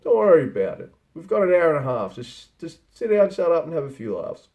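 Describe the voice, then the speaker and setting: A man's voice: on the high side, big pitch swings, brisk, darkish tone. A man giving a casual spoken film review, rambling and conversational, with frequent restarts.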